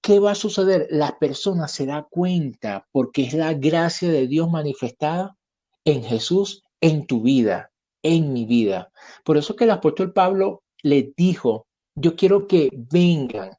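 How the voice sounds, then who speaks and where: A man's voice: on the high side, expressive, measured pace, dark tone. A man with a Colombian accent, a pastor giving an earnest sermon and telling a personal story as he preaches. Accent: Colombian Spanish. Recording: muffled lo-fi sermon recording.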